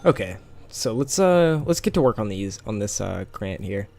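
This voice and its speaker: Fairly low-pitched and gravelly, with a darkish tone, this gameplay commentator moves at a moderate pace with big pitch swings. He chats casually through the game in a scratchy, tired voice, rambling with many fillers and small laughs.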